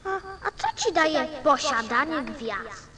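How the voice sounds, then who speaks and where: A woman's voice: high voice, animated, slow pace, noisy background. A woman playing an earnest, inquisitive little boy in a radio play, with a childlike manner. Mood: curious, puzzled. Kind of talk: Polish radio play acting.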